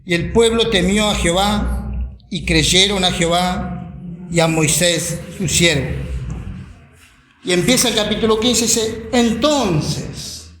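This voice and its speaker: A man with a high voice delivers a sermon at an unhurried pace. He reads scripture deliberately and repeats words for emphasis. The echoey room adds reverb to every line. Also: fairly bright tone. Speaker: preacher. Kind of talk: sermon with Bible reading.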